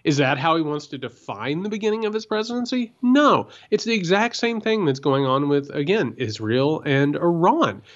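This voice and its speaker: A man co-hosting a political podcast, talking in an animated way and often repeating words as he builds a point. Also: on the high side, moderate pace, few pauses, dull audio. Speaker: podcast co-host. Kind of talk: political commentary chat.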